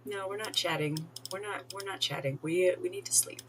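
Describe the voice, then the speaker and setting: A woman's voice: lowish voice, moderate pace, noisy background. A woman streaming a life-sim game, chatting casually, giggling and talking to the characters on screen. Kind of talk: casual gameplay commentary.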